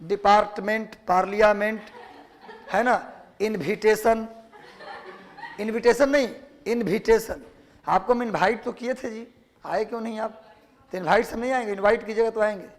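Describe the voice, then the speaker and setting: A man teaching a lecture class with a Bihari Hindi accent, firing questions at students and repeating the answers slowly for dictation. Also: high-pitched, steady tone.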